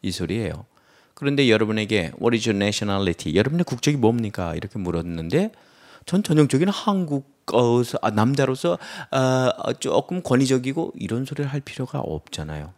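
A man's voice: mid-range voice, sing-song, normal speed, a little mellow. A man teaching English vocabulary, explaining word roots and acting out example sentences with playful memory tricks. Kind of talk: lively vocabulary lecture.

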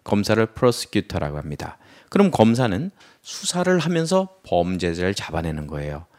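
A man's voice: low voice, huge pitch swings, moderate pace, darkish tone. A man teaching English vocabulary, explaining word roots and acting out example sentences with playful memory tricks. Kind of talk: lively vocabulary lecture.

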